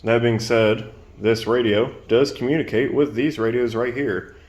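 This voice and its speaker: A man reviewing radio gear gives a casual product demonstration, explaining everything in plain-spoken terms. His voice is medium-pitched, a little mellow and fairly even in intonation, and he speaks unhurriedly. Background noise is clearly audible in the recording.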